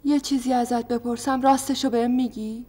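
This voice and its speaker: A woman's voice: on the high side, fairly even intonation, dark tone, lightly acted. An actress playing a frightened young wife in a televised stage drama, telling her mother about her nightmares with an anxious, pleading manner. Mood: troubled. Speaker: daughter.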